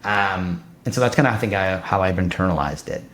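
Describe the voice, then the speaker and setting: A man in his thirties talks quickly as a podcast guest, his low voice rushing through loose, casual sentences packed with "like" and restarts. He sounds relaxed and conversational. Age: 30s. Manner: fast, loose, filler-heavy talk with many restarts.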